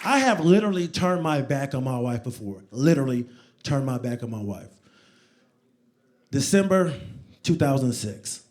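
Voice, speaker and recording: A man in his forties doing stand-up comedy on a club stage, telling stories loudly and acting them out. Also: mid-range voice, normal speed, pauses often, some chatter behind. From United States. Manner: animated, loud, acts out scenes.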